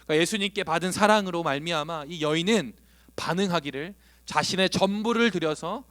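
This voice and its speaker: A man's voice: high voice, brisk, fairly bright tone, no room sound. A young man, a youth pastor, preaching an earnest sermon to teenagers, repeating phrases and building to emphatic appeals. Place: church online service.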